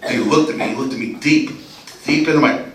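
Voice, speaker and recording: A man performing a self-deprecating stand-up set on a club stage, talking animatedly and sometimes breaking into yelling. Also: medium pitch, quick pace, far from the mic, a little hiss or hum. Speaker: stand-up comedian. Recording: roomy club sound with loud audience laughter. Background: audience laughter.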